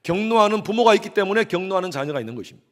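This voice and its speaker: A man preaching a Sunday sermon as pastor, switching between soft asides and loud emphatic lines. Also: high-pitched, lively intonation, racing. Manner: acts out parents' voices in quotes.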